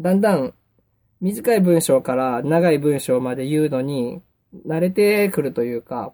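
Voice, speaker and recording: Young kansai guy rambling on his podcast, bit high voice, mellow tone. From Kansai, Japan. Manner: relaxed and chatty, frequent fillers. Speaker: podcast host. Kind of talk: casual solo podcast talk.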